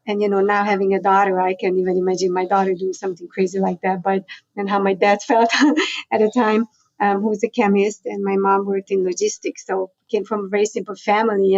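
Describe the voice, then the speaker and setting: A middle-aged Hungarian woman with a Hungarian accent tells her story as a guest in a conversational interview, full of asides, laughs, and frequent "you know"s. Her mid-range voice has a darkish tone, and the recording is muffled with no room sound.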